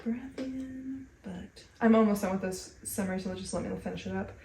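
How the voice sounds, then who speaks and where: A woman co-hosting a casual chat show, giggly and excitable after caffeine. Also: mid-range voice, a little fast, creaky, reverberant, noisy background. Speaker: podcast co-host.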